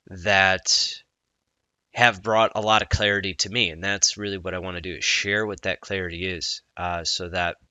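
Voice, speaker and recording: A man speaks as a coach in his personal vlog, earnest and reflective, frequently stopping mid-thought. His voice is on the low side with a sharp, clean tone, and the recording is dry.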